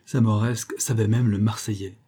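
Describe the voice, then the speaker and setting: A man narrating a classic novel in a measured, expressive reading. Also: fairly low pitch, husky. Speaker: audiobook narrator.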